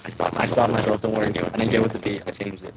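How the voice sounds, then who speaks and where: A man's voice: fairly low pitch, fairly even intonation, quick pace, heavy background noise. A young man, a guest on a gaming stream, chatting in a joking, laid-back way. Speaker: guest YouTuber. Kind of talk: casual chat.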